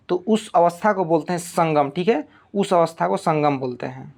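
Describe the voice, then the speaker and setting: A teacher gives a recorded exam-prep lesson, explaining patiently step by step and checking in often. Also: medium pitch.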